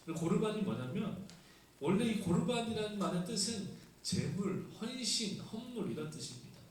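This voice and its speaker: Here a male pastor from South Korea preaches a Sunday sermon in a high-pitched, sing-song voice at a moderate pace, unpacking scripture conversationally with rhetorical questions. The distant mic captures an echoey church sanctuary and faint hiss.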